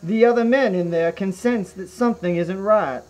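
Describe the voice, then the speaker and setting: A man's voice: sits high, normal speed, darkish tone, poor audio. A man with a Southern US accent reads a humorous story aloud in a theatrical, earnest storytelling manner. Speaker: reader of humorous reviews. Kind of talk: comic dramatic story reading.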